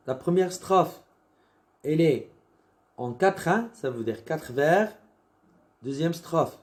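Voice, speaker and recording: A male primary school teacher with a Moroccan French accent, talking slowly and patiently through a lesson. His voice is mellow and a little high for a man. He explains step by step and often repeats words as he goes.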